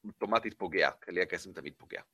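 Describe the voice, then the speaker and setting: A man running a tabletop game as game master, narrating with many fillers and lively storytelling. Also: low-pitched, husky, dry recording, clean studio sound.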